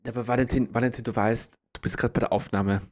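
A man's voice: mid-range voice, steady tone, fast. A young man co-hosting a casual comedy podcast, teasing and mock-serious. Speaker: podcast co-host.

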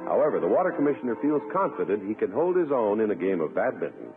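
Over music, a lowish-voiced American announcer rattles through 1950s radio ad copy and scripted narration at a fast clip with big pitch swings. The sound is thin and tinny, typical of the era, and his delivery is that of a polished, emphatic salesman.

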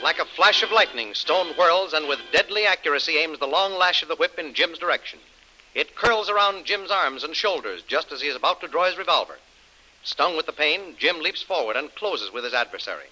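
Male narrator, old-time radio announcer, bright crisp delivery. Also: a little high, animated, brisk, faint music behind, rough recording. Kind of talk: scripted radio serial narration.

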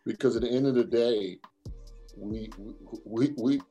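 A man as an interview guest, speaking reflectively with a husky voice and drawn-out phrasing. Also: mid-range voice, dark tone, faint music behind. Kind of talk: casual interview chat.

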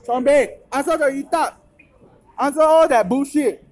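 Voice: high voice, moderate pace, darkish tone. A Singaporean speaker chatting casually in a group in colloquial Singlish, full of local particles and slang.

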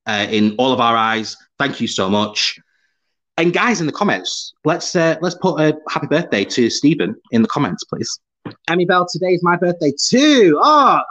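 With a fairly high, slightly bright voice, a man from the UK runs a live-streamed podcast, laughing often and staying upbeat as he reads comments from viewers. The recording has a slightly dull lo-fi quality.

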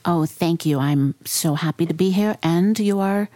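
A woman's voice: fairly low pitch, measured pace, warm tone, no room sound. A middle-aged woman, an author and former park ranger, answering interview questions with enthusiasm and explaining her ideas in short phrases.

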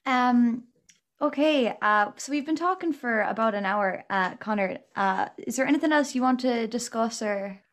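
A woman's voice: fairly high pitch, normal speed. Irish woman with a west of Ireland accent. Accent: Galway, west of Ireland. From Galway, Ireland. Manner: hesitant, many ums and broken-off phrases. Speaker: podcast host. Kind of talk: casual conversational interview.

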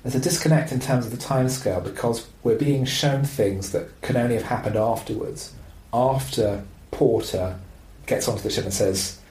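A man's voice: medium pitch, moderate pace, reverberant, poor audio. A man hosting a podcast who discusses a film in a casual, rambling way with plenty of fillers. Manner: rambling, animated, with frequent fillers. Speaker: podcast host.

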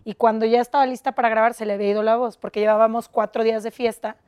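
A young woman with a Mexican accent and a fairly high voice. She tells stories in a direct, matter-of-fact way as a guest. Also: little pitch movement, rapid-fire, darkish tone, clear, resonant tone. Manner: blunt, matter-of-fact storyteller. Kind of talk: casual chat.

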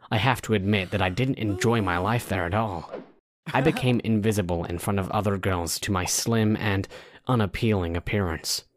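A man narrating a scripted first-person story like a storytime vlogger, speaking directly to listeners. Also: on the low side.

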